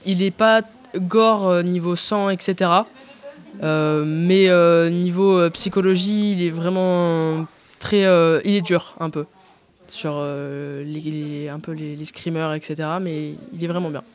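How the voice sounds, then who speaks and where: A woman's voice: lowish voice, steady tone, measured pace. A woman chatting casually as an interview guest, hesitant, with many fillers and restarts. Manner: tacks on "and so on" often. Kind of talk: casual chat.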